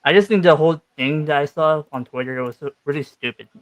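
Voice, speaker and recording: A man's voice: a little high, a little fast, no echo. A man speaking with braces in his mouth, giving his view casually as a guest in a gaming debate.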